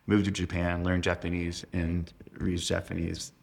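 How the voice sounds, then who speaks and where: A man's voice: low-pitched, completely flat delivery, moderate pace, vocal fry. A young man telling stories as a podcast guest, rambling with lots of fillers and laughs. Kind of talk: casual storytelling chat.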